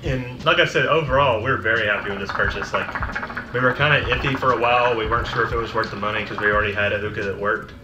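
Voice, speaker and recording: Low-voiced man chatting in an echoey room. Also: fast, lo-fi sound. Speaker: product reviewer. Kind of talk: casual product review chat. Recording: roomy echo, music behind. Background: music.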